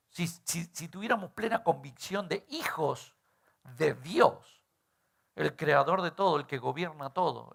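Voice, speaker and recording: Gravelly-voiced pastor preaching. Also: male voice, fairly high pitch, a bit bright. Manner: conversational preaching with frequent rhetorical questions. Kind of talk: sermon.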